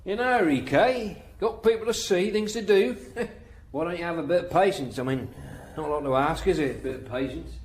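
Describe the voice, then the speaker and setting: An actor playing a sarcastic, offhand prison officer in a radio drama. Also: male voice, sits high, moderate pace, lightly acted. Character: mocking male prison officer.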